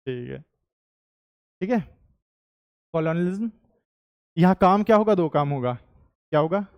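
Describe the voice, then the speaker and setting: A man's voice: high-pitched, animated, slow, long pauses, dry recording, lo-fi sound. A young adult man with an Indian accent teaching history to a class, joking with students and slipping between Hindi and English. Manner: jokey, mixes Hindi and English, asks the class questions. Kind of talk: classroom lecture.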